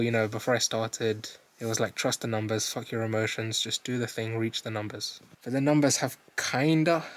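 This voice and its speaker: Flat-voiced young man, rambling video diary. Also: medium pitch. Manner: rambling and hesitant, swears casually. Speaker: vlogger.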